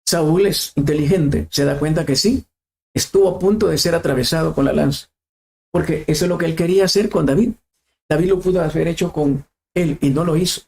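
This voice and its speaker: A man's voice: fairly high pitch, a little fast, creaky, a little mellow. A man preaching a sermon, asking questions and repeating phrases for emphasis.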